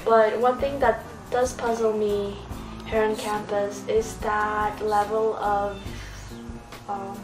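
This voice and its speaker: A young woman from Norway answers interview questions at an even middle pitch with a rather flat delivery. She is reflective and often pauses to search for words. The sound is echoey and picked up from some distance. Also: music in the background. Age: young adult. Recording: echoey room, mic at a distance.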